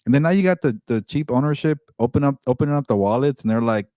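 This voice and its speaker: A man's voice: mid-range voice, mellow, no room sound, clean studio sound. A man co-hosting a sports podcast, giving blunt, opinionated takes in casual talk. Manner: blunt, opinionated, fast-talking. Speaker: podcast co-host.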